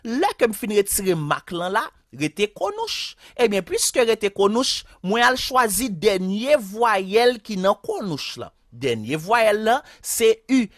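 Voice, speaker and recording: A man with a Haitian accent teaching a language lesson online. He explains each rule slowly and repeats it step by step. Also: high voice, big pitch swings, dry recording, studio quality. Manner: slow, repetitive, spells out each rule.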